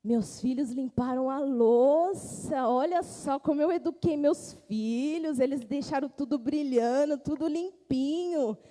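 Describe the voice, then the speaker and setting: A woman's voice: sits high, unhurried, hardly any pauses, warm tone. A woman voicing a proud, boasting father. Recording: echoey hall.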